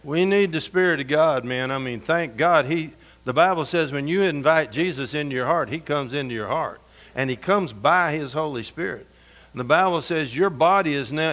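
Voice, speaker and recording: A middle-aged man preaching a storytelling sermon, folksy and humorous, going soft and intense for scripture. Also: a little high, lively intonation, normal speed.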